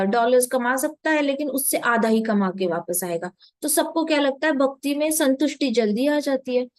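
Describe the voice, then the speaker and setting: A woman's voice: on the high side, dry recording, studio quality. A woman giving a religious discourse as a devotional speaker, explaining patiently and repeating phrases for emphasis.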